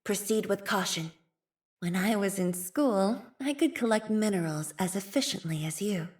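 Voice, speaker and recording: A young woman delivers video game character lines as a composed, earnest scientist and leader, her voice soft and slightly breathy and her phrasing measured, formal, and thoughtful. At medium pitch, she sounds animated yet close to everyday speech, with a calm, attentive mood.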